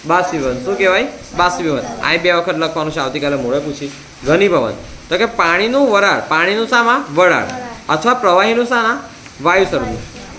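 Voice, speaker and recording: A man's voice: sits high, pushed and bright, slight background noise. A man teaching a science class with a Gujarati accent, drilling students by asking a question and repeating the answer again and again. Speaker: tuition teacher. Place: tuition classroom.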